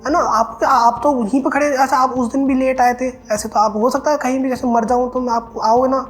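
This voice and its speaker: A young man, a student, telling a personal story in an interview; he talks haltingly with restarts and acts out the dialogue he quotes. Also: very high voice, fairly even intonation, soft background music. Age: young adult. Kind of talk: recounting his own experience.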